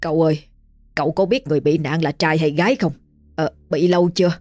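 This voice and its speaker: A woman's voice: sits low, steady tone, quick pace, a little mellow, dry recording. A woman voicing a frightened older village man, a desperate father who stammers and pleads in a trembling voice.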